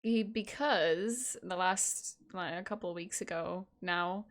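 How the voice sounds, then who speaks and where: A woman's voice: on the low side, a little slow. Dramatic self-mocking young woman podcaster. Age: 20s. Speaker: podcast co-host. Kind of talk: casual chat.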